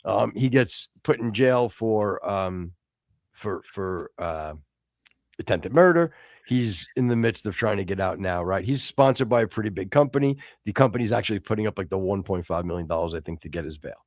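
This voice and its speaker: A man from the United States co-hosting a casual podcast, rambling with many restarts and sudden excited outbursts. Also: on the low side, normal speed, no echo, clean studio sound. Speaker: podcast co-host.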